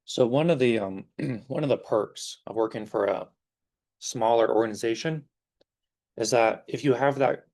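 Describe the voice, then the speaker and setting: Here a twentysomething security engineer visiting a classroom chats casually with the students in a mid-range, darkish voice at normal speed. He wanders through his points, packed with fillers, as he starts losing his voice a bit.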